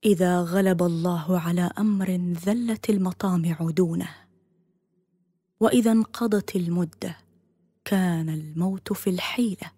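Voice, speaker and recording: A woman narrator voicing a shy captive young princess in a told story, bashful and hushed. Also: fairly low pitch, moderate pace, husky, no room sound, studio quality.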